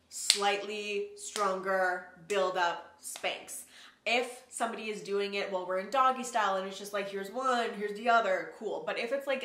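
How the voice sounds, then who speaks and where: Frank and casual, a sex-education vlogger in her twenties explains her topics while leaning heavily on "like" as a filler. Her voice sits at medium pitch, pushed and bright, against a roomy, echoing recording.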